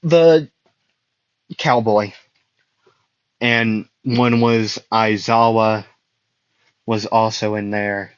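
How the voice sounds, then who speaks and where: A man's voice: lowish voice, fairly even intonation, drawn-out words, pauses often, clean tone, no room sound. A young man improvising a fan-fiction story, rambling with many fillers and self-corrections. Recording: dull lo-fi dry recording.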